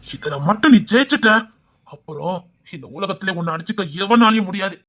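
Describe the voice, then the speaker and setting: A woman voicing a smooth-talking male business partner who pushes a risky deal in an audio drama. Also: mid-range voice, expressive, brisk, fairly bright tone. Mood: persuasive. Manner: persuasive, pushing a risky deal.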